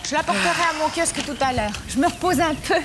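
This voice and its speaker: An actress playing a calm young kiosk keeper who teases gently, in a 1970s children's TV show, on a noisy old television tape. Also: female voice, high voice, fast.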